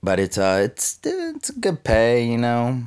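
A man's voice: mid-range voice, wildly swooping pitch, a little slow, darkish tone, smooth. A man in his twenties from Southern California, rambling casually to the camera in a laid-back, slangy, cynical way, full of fillers. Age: 20s. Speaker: vlogger.

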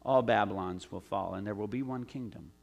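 Middle-aged american pastor, chatty sermon, lots of uhs and side comments. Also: male voice, lowish voice, a little fast, gravelly, a little hiss or hum. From United States. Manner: conversational with asides and many fillers.

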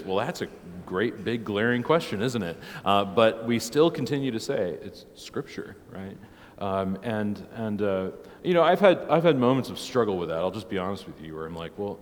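A man who preaches, teaching a church catechism class in a relaxed, conversational way, heard with a long church echo. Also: on the low side. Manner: conversational, tags many points with "right?". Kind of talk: informal church class teaching, opening with prayer.

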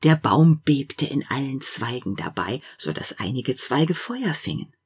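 Slow, husky woman reading a fairy tale. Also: extremely low pitch. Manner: slow, expressive storytelling with wide swings between hush and loud. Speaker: narrator.

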